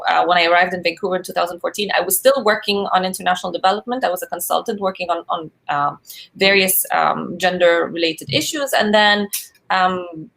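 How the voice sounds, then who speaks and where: Low gravelly-voiced woman from Egypt. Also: a bit bright. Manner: thoughtful, searching for words. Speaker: guest, social entrepreneur. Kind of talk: podcast interview.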